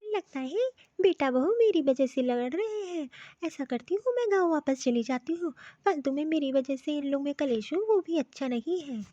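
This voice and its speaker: A simple, warm-hearted old mother-in-law from the village, voiced by a woman for a cartoon, talking in a homely, affectionate way. The voice sits very high. It is a dull, dry lo-fi recording. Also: animated, normal speed, dry recording. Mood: meek. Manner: homely, affectionate, rustic talk. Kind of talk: cartoon voice acting.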